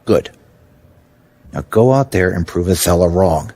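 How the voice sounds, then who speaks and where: Playing a blunt, stern veteran basketball coach for a video game cutscene, a man delivers firm but supportive lines in a frank, measured manner. He has a low, mellow voice with lively intonation, and the performance is heavily acted.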